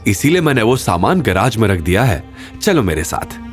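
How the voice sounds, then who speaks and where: A man voices a scheming middle-aged woman in an audio story, all fake friendliness and slyness. The voice stays low and quiet, lively in its pitch, over faint music. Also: moderate pace. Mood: fake sweet.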